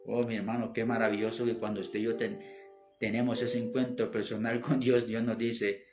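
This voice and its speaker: A man preaching with fervor, calling out to his listeners as brother and retelling scripture. His delivery stays flat and even in pitch. Instrumental music plays clearly under his voice. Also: moderate pace. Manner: fervent, repeats "mi hermano", quotes scripture. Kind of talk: sermon. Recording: music playing behind.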